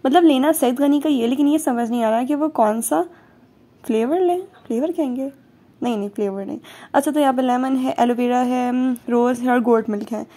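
Brief: young woman vlogger from Pakistan, slightly high but mellow voice, chatty and joking, on a phone camera in a supermarket. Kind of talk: casual vlog narration. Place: large supermarket, indoors.

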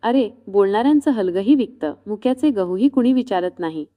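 A woman's voice: expressive, fairly quick, mellow, close to an everyday voice. A woman voicing a weary middle-aged male vegetable seller who hawks his goods and gives folksy advice. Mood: hawking. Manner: low hawker calls, folksy advice.

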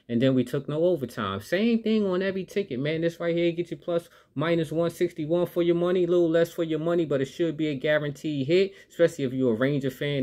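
A man's voice: fairly high pitch, a little mellow. A man hosting a sports betting channel, talking straight to his viewers in an upbeat, hyped way as he lays out his picks. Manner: upbeat, hypes viewers, talks straight to the audience.

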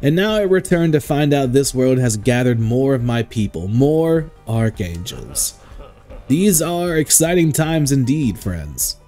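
A man voicing a calm male archangel in a video game, formal and measured. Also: medium pitch, faint music behind. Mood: lofty.

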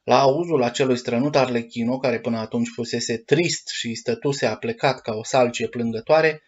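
A man narrating a children's storybook in an expressive, measured reading. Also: mid-range voice, breathy edge, muffled recording. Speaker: audiobook narrator.

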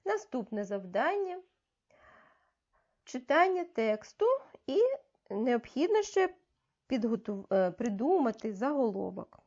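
A woman teacher guides young children through a reading lesson, her voice slightly high and her pace very slow. She articulates each sound with care and coaxes the class along. The audio is dull and lo-fi. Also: very animated, a little mellow. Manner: slow, clearly articulated, coaxing instructions. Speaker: primary school teacher.

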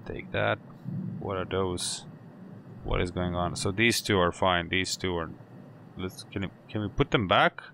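Deep and gravelly at a measured pace, this man's voice carries a horror game let's play on his gaming channel. He's jumpy and swears, talking to the game and to himself, against background noise.

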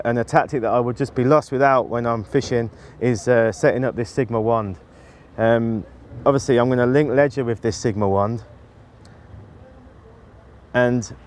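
A man in his forties talks through his tackle in a practical, explanatory way and often restarts his sentences. He is outdoors on a riverbank and recorded close on a lapel mic. His voice sits at an ordinary middle pitch. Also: darkish tone. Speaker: match angler demonstrating tactics. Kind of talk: instructional talk to camera.

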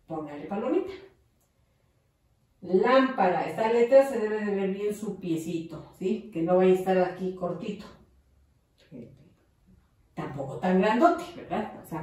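Woman teacher, young kids' lesson, patient and very slow, booming room echo, well off the mic. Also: animated, a little mellow, distant mic. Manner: patient, encouraging, drawn-out words.

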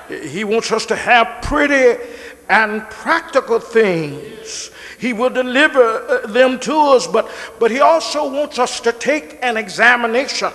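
A man's voice: extremely high pitch, a bit bright, big-room sound. A middle-aged man preaching a sermon from the pulpit, stretching and repeating words and calling on the congregation to answer. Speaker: pastor. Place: large church sanctuary, behind a pulpit.

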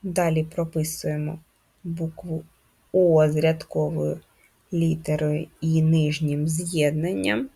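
A woman gives a handwriting lesson to first graders, calm and patient as she walks through each stroke. Her voice sits a little low and has a husky edge. She puts simple questions to the children and answers them herself in a steady, encouraging tone. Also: takes it slowly. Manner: patient, clear, step-by-step instruction to children. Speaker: primary school teacher.

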